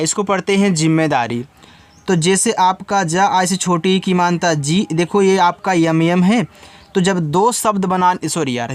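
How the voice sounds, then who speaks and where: A man teaches English reading in a fairly high voice. He spells each word out letter by letter and sounds out the syllables patiently. He drops in casual asides to his students.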